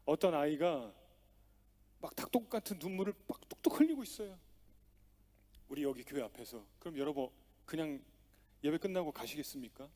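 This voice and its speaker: Expressive high-voiced male pastor. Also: fairly quick, long pauses. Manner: storytelling with acted-out dialogue, emphatic and expressive. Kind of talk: sermon. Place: church sanctuary.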